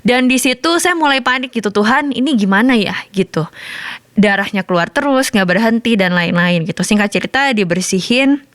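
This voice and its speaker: A woman pastor in her thirties sharing a personal testimony in a sermon, telling it in a lively, chatty way. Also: medium pitch, normal speed, clean tone, dry recording. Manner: storytelling with lively colloquial asides.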